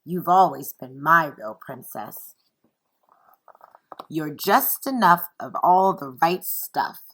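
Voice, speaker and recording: A woman reading a storybook as a gentle, doting father, tender and reassuring. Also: low-pitched, lively intonation, slow pace, heavily acted, rough recording.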